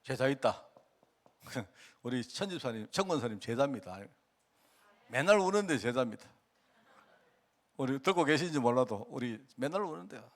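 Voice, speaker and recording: A male pastor with a Gyeongsang accent preaching a sermon in a colloquial, animated way, acting out conversations with people he tells about. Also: medium pitch, normal speed, long pauses.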